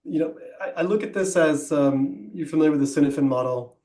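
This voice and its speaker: A man's voice: a little high, a little fast, a little mellow. Reflective man talking in an echoey room. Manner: thoughtful, explanatory, with frequent ums and restarts. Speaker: podcast co-host. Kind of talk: conversational business podcast discussion.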